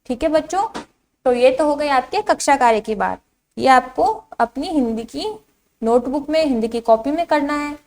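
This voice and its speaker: A woman teacher giving a patient lesson to young children, saying each syllable clearly and asking the class to repeat it. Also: sits high, normal speed, a little mellow. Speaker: primary school teacher. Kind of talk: slow online Hindi lesson for young children.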